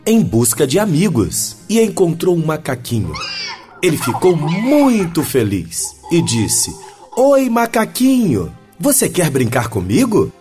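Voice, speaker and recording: A man reading a children's story aloud in a gentle, lively storytelling manner. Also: mid-range voice.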